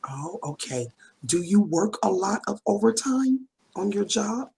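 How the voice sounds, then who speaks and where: Give me a woman from the US tutoring English over a video call, animated and a bit breathy. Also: mid-range voice, unhurried. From United States. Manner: encouraging, asks simple questions, frequent mm-hmms. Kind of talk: video call conversation lesson.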